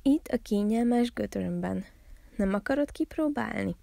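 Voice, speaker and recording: A woman voicing a proud, gruff male wild boar in a storybook reading, grunting out his boasts. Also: medium pitch, expressive, dark tone, dry recording.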